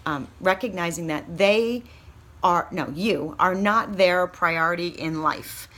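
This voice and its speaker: In a slow, fairly low voice with a bit of brightness, a woman coaches new consultants through an informal training talk that includes acted sample pitches. Her manner is chatty, candid, encouraging and emphatic.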